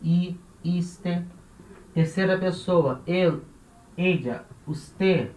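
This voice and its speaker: A man's voice: high-pitched, extremely slow, darkish tone. A man from Brazil teaching a Spanish grammar lesson, patient and repetitive, checking in with the listener after nearly every phrase. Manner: patient, repeats points, tags phrases with "né?" and "tá?". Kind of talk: explanatory language lesson. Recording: echoey room with faint ambient noise.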